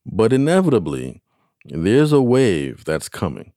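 A man giving conversational coaching advice in an encouraging, emphatic way, repeating phrases and pausing for weight. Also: lowish voice, wildly swooping pitch, dark tone, dry recording, clean studio sound. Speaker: expert guest answering listener questions.

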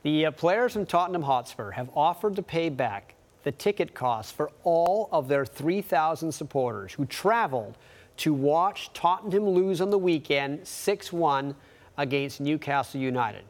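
A man's voice: on the high side, animated, unhurried. A man anchoring TV sports in a conversational newscast style, with wry, offhand asides.

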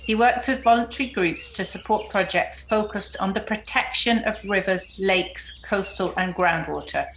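A woman's voice: medium pitch, moderate pace, few pauses, a bit bright, slight background noise. A woman presenting and interviewing as a podcast host. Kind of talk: scripted introduction and conversational interviewing.

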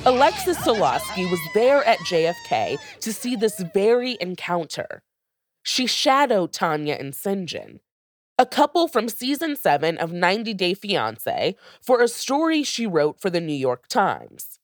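A woman hosting a podcast, reading a scripted narration in a lively storytelling way. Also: mid-range voice, a little slow, no echo, studio quality. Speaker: podcast host.

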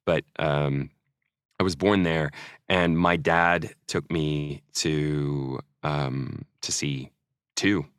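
Male guest, 40s, Norwegian-born, deep voice, chatty storyteller. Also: steady tone, extremely slow, clear, resonant tone, dry recording, studio quality. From Norway. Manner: chatty, self-mocking storyteller. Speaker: actor guest. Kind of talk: casual interview chat.

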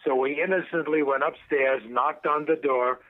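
A caller phones into a podcast and tells his story in formal, wordy phrasing during a casual call, speaking at a moderate pace in a fairly high, steady voice. He lives in a big city apartment building, and his voice comes through a tinny phone line.

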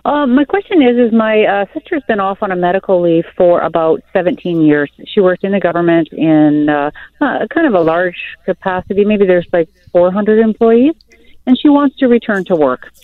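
A woman's voice: medium pitch, expressive, moderate pace, no echo. A woman calling in to a radio advice show by phone, speaking hesitantly with many fillers. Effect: phone line on air. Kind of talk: casual phone call.

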